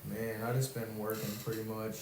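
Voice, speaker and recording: A man's voice: lowish voice, little pitch movement, normal speed, darkish tone, reverberant, a little hiss or hum. A young man chatting casually on a podcast, laid-back and slangy. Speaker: podcast guest. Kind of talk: casual chat.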